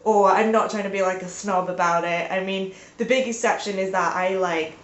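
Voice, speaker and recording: Stuffy from a sinus infection, this young woman chats at home for her video, peppering her talk with "like" and playful outbursts. She speaks at normal speed with a steady, medium-pitched tone, and the room echoes.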